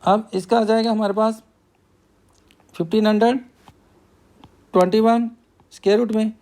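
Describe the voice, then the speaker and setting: A man's voice: sits high, darkish tone. A male math teacher, working through a problem step by step and asking himself questions before he answers them.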